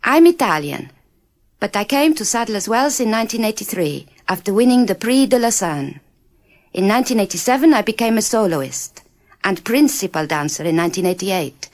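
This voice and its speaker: A woman's voice: mid-range voice, animated, moderate pace, darkish tone, lightly acted. A woman reading the part of a proud, acclaimed female principal ballerina in a scripted exam monologue.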